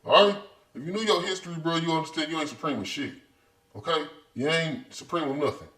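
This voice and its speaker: Far from the microphone in a roomy recording, a US man hosts a video reacting to a lecture, his voice a little high, a little fast, and fairly bright. His casual commentary is heated, rambling, and slangy.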